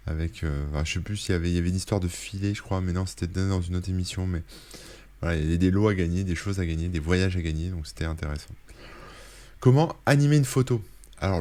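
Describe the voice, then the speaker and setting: A man's voice: low-pitched, darkish tone. A French man hosting a casual weekly roundup of tech links, rambling with many fillers and self-corrections. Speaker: tech blogger and streamer. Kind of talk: casual screen-share link roundup.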